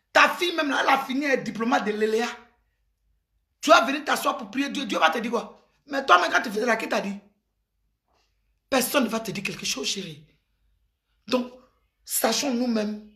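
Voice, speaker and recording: A woman's voice: high-pitched, sharp tone. A middle-aged woman, delivering an impassioned, preachy advice monologue straight to the listener. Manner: emphatic and preachy, with exclamations and address to the listener. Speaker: commentator giving advice. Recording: echoey room.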